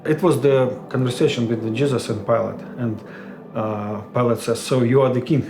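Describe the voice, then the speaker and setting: A man, a missionary telling his story in an interview in a measured, reflective way. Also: mid-range voice, steady tone, noisy background. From Ukraine. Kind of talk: personal testimony interview. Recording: roomy echo with music underneath.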